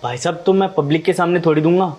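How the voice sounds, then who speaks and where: Man in a skit, slightly high voice. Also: steady tone, rapid-fire, a little mellow. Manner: dismissive, then pleading. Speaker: chemist, later patient's husband. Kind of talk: short social-message skit.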